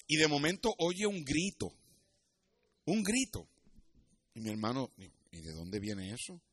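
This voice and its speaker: Middle-aged male pastor, sermon delivery, bright tenor, animated and emphatic. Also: fairly high pitch, slightly rough. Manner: animated storytelling preacher, rises to loud emphatic passages. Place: church.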